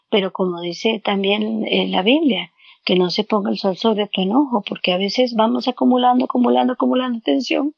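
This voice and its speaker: A woman interviewed as a guest gives counseling advice, explaining things step by step and repeating words while she searches for the right ones. She has a medium-pitched voice with vocal fry. The recording is dull, dry and lo-fi, with no echo.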